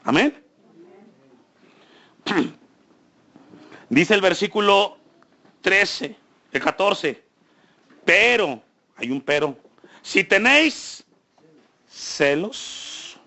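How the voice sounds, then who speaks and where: A man's voice: sits high, a bit bright. A male pastor preaching a sermon in a church, asking the congregation frequent questions and building emphasis.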